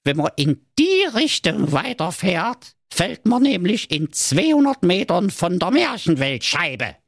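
A man's voice: high-pitched, big pitch swings, a little slow, creaky, a bit bright, no echo, studio quality, pitched above the performer's own voice, heavily acted. A man voicing a grumpy, sly, evil male dwarf in a comic fairy tale, with a grumbling manner.

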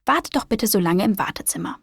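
A woman voicing a kind female receptionist at a doctor's office in a children's story, gentle and explaining. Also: medium pitch, expressive, fast, husky, no echo, clean studio sound. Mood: friendly.

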